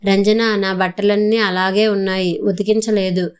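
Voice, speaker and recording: A woman voicing a short-tempered, remorseful husband in a storybook reading, with a smooth, even voice. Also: medium pitch, moderate pace, close to an everyday voice. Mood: irritable. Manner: irritable, complaining.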